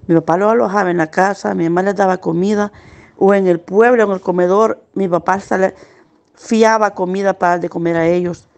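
A middle-aged woman gives earnest, pained personal testimony as a witness, slowing down at the hardest parts. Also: mid-range voice, fairly even intonation, creaky, a little mellow, clean tone. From El Salvador. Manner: earnest, pained recounting, slowing at hard moments.

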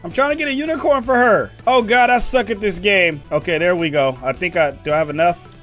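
A young man hosting casual game commentary, excitable and joking as he talks to viewers while he plays. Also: high voice, a little fast, soft background music. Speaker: gaming channel host.

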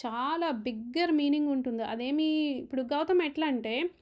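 A woman's voice: sits high, muffled recording. A woman giving an opinionated, emphatic recap of a reality show argument. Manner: fast, animated, emphatic, retelling arguments.

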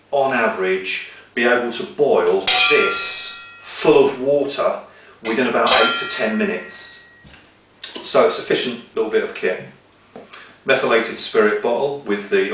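In a small indoor room, a middle-aged man works through a table of outdoor cooking gear, explaining each piece step by step as he handles it. His voice is on the low side and a bit bright, captured from a distance in an echoey space with a slight hiss or hum.

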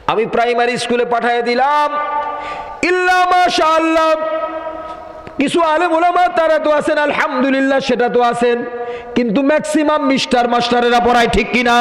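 A very high-voiced male preacher delivers a fiery sermon, throwing rhetorical questions at his listeners and slipping into sing-song chanting. His voice rings through an echoey hall with a long, trailing reverb. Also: fairly bright tone. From Bangladesh. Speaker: Islamic preacher.

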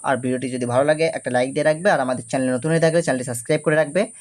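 A woman's voice: very deep voice, steady tone, racing, a little mellow. A woman teacher giving a lesson, drilling letters one by one and asking prompts, with English words mixed into her speech.

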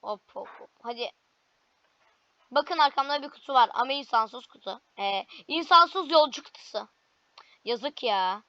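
Excitable high-voiced woman gaming. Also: a little slow, no room sound, lo-fi sound. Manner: excitable, frequent frustrated cries and cheers. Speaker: gaming video creator. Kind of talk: gameplay commentary.

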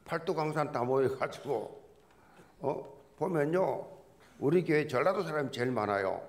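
A male pastor delivers a sermon in a gravelly voice that rises and falls a great deal. He talks like a folksy storyteller and jokes with the congregation. He often repeats his key words to drive a point home. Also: on the high side, animated, normal speed.

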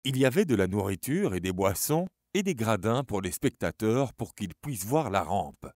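Expressive male story narrator. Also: fairly low pitch, moderate pace, dry recording, clean studio sound. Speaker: audiobook narrator.

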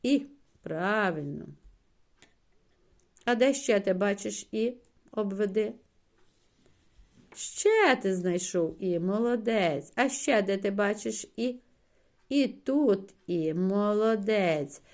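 Woman teacher, slow and mid-pitched, coaxing one-on-one reading tutor. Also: animated, a little mellow. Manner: patient, coaxing, frequent praise, drawn-out sounds. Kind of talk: one-on-one reading lesson with a child.

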